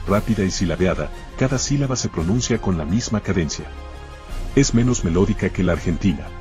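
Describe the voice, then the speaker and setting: A man with a very low voice reads a prepared argument in a measured, lecturing tone with a combative edge. The audio is dull and lo-fi. Faint music sits underneath. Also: darkish tone. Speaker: commentator narrating a rebuttal video. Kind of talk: scripted argumentative narration.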